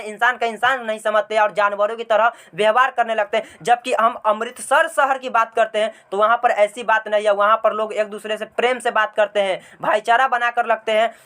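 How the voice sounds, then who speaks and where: A man's voice: very high-pitched, pushed and bright, clean tone. A male teacher explaining a school lesson, mixing English words into his speech and often telling students to look closely. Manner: mixes English words into Hindi.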